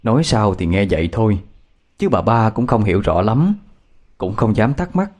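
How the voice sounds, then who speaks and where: Man narrating a ghost story, low and lively. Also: normal speed.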